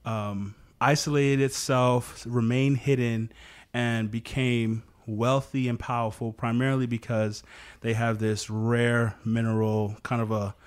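A relaxed man hosts a casual podcast talk at a middle pitch. He laughs easily as he sets up topics and turns questions to his guests. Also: unhurried. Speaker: host.

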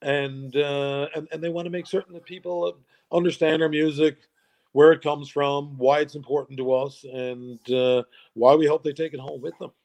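A middle-aged man with a voice pitched a little above most men's. He talks in a loose, chatty way, laughing easily and stumbling over repeated words at the start of his sentences. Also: flat delivery, moderate pace, a little mellow, dull audio. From Newfoundland, Canada. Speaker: guest, local tourism voice. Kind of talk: casual chat.

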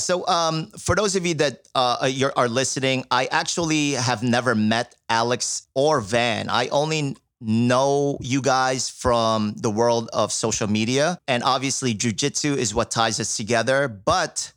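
A man's voice: medium pitch, measured pace, hardly any pauses, a bit bright, dry recording, studio quality. A man from the Philippines hosting a podcast in casual, friendly, rambling talk. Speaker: podcast host.

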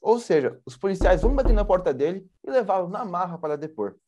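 Teasing co-host, lively voice. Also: male voice, high voice, fast, background noise. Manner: teasing, explanatory. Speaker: news show co-host. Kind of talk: informal political news commentary.

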